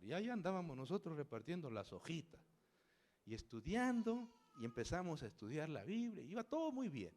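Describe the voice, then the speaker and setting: A man preaching to his congregation through a story. He tells it dramatically, with lively swings in pitch, in a slightly high voice. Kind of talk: storytelling sermon.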